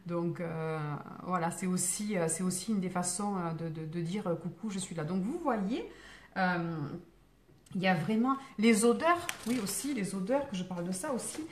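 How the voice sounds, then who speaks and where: A woman's voice: lowish voice, lively intonation, normal speed, a little mellow, slight background noise. Rambling French woman medium on a live stream. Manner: digressive, many fillers and restarts, reassuring tone. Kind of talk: rambling casual live talk, answering viewer comments. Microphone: phone.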